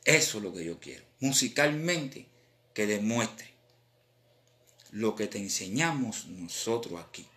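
A man with a Cuban accent, a rapper chatting casually on a live stream in animated, slang-filled talk. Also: fairly low pitch, measured pace. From Cuba.

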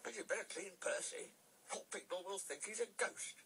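A man voicing an astonished but helpful railway signalman in a children's story, loud and exclamatory. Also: high voice, normal speed, background noise, pitched above the performer's own voice, close to an everyday voice.

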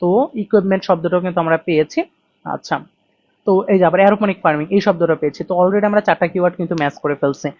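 A man teaching an IELTS reading lesson step by step, asking and answering his own questions, with slow, careful readings of English example sentences. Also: high-pitched, no room sound, lo-fi sound. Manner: reads English sentences slowly and deliberately. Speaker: IELTS tutor. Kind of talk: screen-recorded exam lesson.

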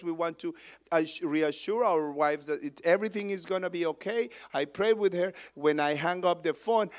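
A male pastor preaching a sermon, swinging between loud proclamation and hushed storytelling. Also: sits high.

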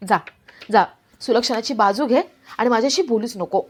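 A woman's voice: on the high side, moderate pace, husky. A woman voicing a scheming middle-aged mother who defends herself and lays guilt on her son. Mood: indignant. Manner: indignant, guilt-tripping.

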